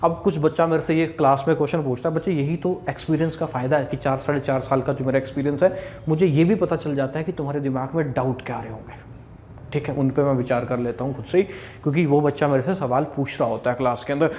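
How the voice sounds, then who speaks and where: A man from India with a Haryanvi Hindi accent lectures on English grammar for exam prep in a classroom, working at the whiteboard. Chatty, he calls his students "bachche" and keeps checking in with "theek hai". His slightly high, dark-toned voice is fast, with a little hiss or hum in the recording.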